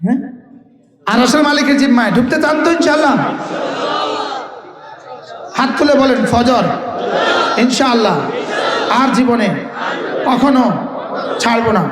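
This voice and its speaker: A man's voice: very high-pitched, measured pace, long pauses, background noise. A male Islamic preacher giving a waz sermon, leading the crowd in call-and-response and chanting Arabic phrases in a rhythmic lilt. He sounds tired. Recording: echoey hall with long reverb.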